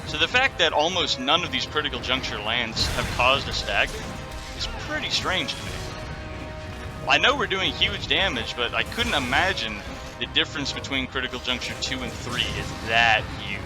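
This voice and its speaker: A man hosts a gaming video with casual, running commentary at a middling pitch. He talks in an opinionated way and swears freely, with game music clearly playing behind his voice. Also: lively intonation, moderate pace. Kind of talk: casual game commentary over live play.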